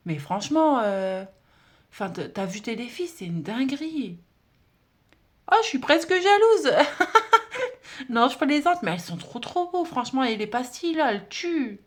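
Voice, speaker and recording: A woman's voice: on the high side, big pitch swings, moderate pace. A woman vlogger chatting casually as she unboxes a parcel, gushing and exclamatory, with many fillers. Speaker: budget-challenge vlogger.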